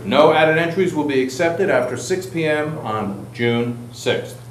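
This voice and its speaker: A middle-aged man co-hosting a rundown of tournament rules with wry, deadpan jokes, recorded in a fishing shop. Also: a little high, a little slow, reverberant, a little hiss or hum, low-quality recording. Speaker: co-host.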